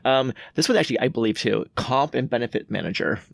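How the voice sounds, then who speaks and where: A man's voice: mid-range voice, animated, fast, gravelly, no room sound. A man co-hosting a podcast, walking through statistics in a matter-of-fact, casual way. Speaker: podcast co-host. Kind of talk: casual chat.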